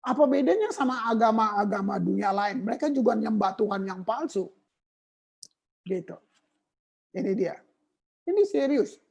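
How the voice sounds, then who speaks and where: Creaky, husky woman preaching. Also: mid-range voice, moderate pace, long pauses. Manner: emphatic, animated, mixes in English terms. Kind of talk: sermon on worship.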